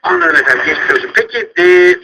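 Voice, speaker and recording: A man's voice: on the high side, lively intonation, fast talker, sharp tone, husky. A man hosting a radio call-in show with casual, teasing, mock-formal banter over a thin radio and phone-like sound.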